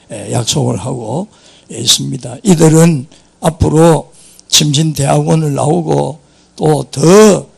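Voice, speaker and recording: A gravelly, fairly high-pitched older man delivers a sermon in a thick Gyeongsang Korean accent. He is a pastor who preaches in a folksy, joking storytelling manner and often chuckles between his points. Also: a little mellow.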